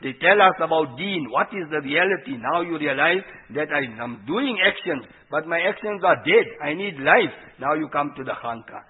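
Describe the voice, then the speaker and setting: A man giving an informal, earnest Islamic sermon, teaching through rhetorical questions and explained quotations. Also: fairly high pitch. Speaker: Islamic preacher. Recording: dull, lo-fi radio-like sound.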